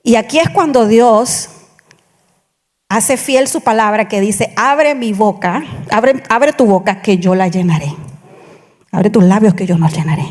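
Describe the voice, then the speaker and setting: A woman pastor telling her own story in a sermon, acting out the dialogue as she goes. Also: medium pitch. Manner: animated storytelling, acts out quoted dialogue. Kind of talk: sermon testimony. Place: church hall. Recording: reverberant church hall.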